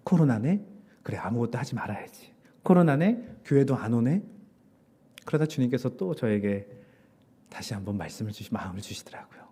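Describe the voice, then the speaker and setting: A man's voice: lowish voice, fairly quick, warm tone, breathy edge. A man, a pastor, preaching a Sunday sermon as a personal testimony, often dropping to a whisper for his inner thoughts. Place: church sanctuary.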